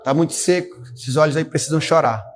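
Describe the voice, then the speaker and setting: A fervent pastor with a fairly high voice preaches to his congregation. He exhorts them with rising emphasis and calls out to the people in the pews. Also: a little fast, soft background music. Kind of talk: sermon. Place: church service.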